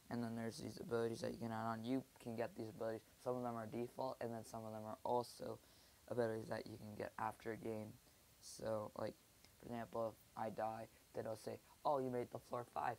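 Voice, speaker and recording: Sick dude mumbling thru an app review, low key and quiet, faint hiss behind. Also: male voice, gravelly, rough recording. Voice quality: soft-spoken, subdued. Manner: rambling, hesitant. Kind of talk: casual app review vlog.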